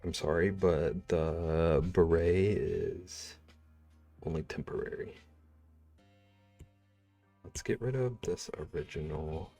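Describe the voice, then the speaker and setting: Low gravelly man muttering while drawing. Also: takes it slowly, pauses often, mellow. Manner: muttering and humming to himself while working. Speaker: streamer drawing live. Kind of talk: casual chat while drawing. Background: faint background music.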